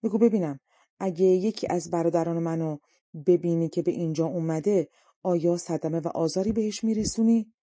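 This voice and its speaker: A woman's voice: lowish voice, mellow, no room sound, close to an everyday voice. A woman voicing the dragon king's anxious young wife in an audiobook story. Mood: coaxing.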